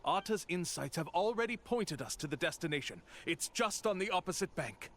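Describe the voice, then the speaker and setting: An actor playing a slick, bold con-man tour guide in a game, talking smoothly and theatrically. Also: high voice, animated, a little fast, a bit bright. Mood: smug. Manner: smooth, theatrical, dramatic pronouncements. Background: game music.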